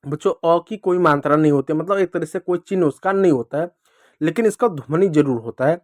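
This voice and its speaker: Man slowly sounding out letters for children. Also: on the high side, a little mellow, no echo, clean studio sound. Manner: slow, drawn-out sounding of letters; addresses children directly, repeating questions. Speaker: teacher. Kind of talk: children's reading lesson.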